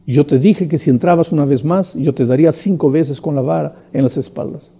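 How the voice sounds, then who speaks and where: A man's voice: on the high side, brisk, creaky, mellow, breathy edge. A man voicing a firm but loving mother who speaks sternly to her son.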